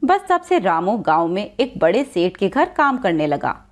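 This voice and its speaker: A woman telling a moral story with lively, expressive narration. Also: medium pitch, measured pace.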